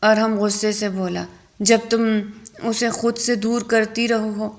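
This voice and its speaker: A woman's voice: medium pitch, flat delivery, close to an everyday voice. A woman voicing a blunt young man who sternly scolds his crying friend in a story reading. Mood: scolding.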